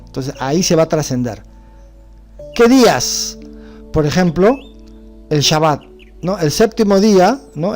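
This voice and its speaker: A man's voice: a little high, a little mellow. Man teaching a religious class. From Bolivia. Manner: explanatory, asks rhetorical questions with frequent "¿no?". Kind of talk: religious studies lecture.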